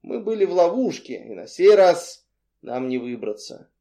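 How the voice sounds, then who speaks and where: Man, audiobook narration, dramatic storytelling, mellow, slightly high voice. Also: very animated, moderate pace. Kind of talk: scripted narration.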